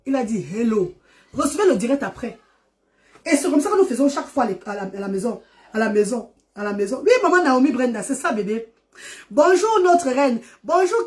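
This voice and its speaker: A middle-aged woman from Central Africa, hosting a live stream and talking to her viewers in an affectionate, preachy way, urging them on with lots of repetition. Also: on the high side.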